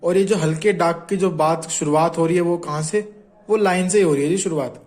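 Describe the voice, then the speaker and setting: A man's voice: fairly high pitch, a little fast, darkish tone. A man teaching shorthand in a patient tutorial, repeating each sound aloud as he writes and often checking in with his viewers. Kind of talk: Hindi tutorial explaining strokes.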